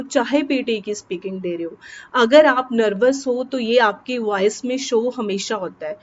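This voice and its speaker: A woman with a Punjabi accent teaching exam tips to students, switching between Hindi and English and slowing down to stress the English tips. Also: on the high side. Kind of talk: lesson to students. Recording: dull, slightly noisy recording.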